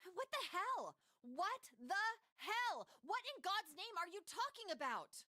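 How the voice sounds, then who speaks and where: A man's voice: very high voice, big pitch swings, slow pace, sharp tone, dry recording, studio quality, pitched above the performer's own voice, exaggerated voice. A man reading a visual novel aloud, voicing a brash, impatient adult woman who swears and makes demands. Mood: exasperated.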